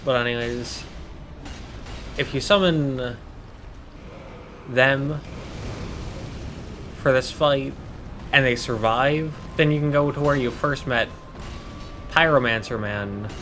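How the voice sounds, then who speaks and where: A man's voice: medium pitch, slow pace, pauses often, a bit bright, a little hiss or hum. A man giving casual, joking commentary as he plays through a game. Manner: chatty, joking asides. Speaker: gameplay commentator.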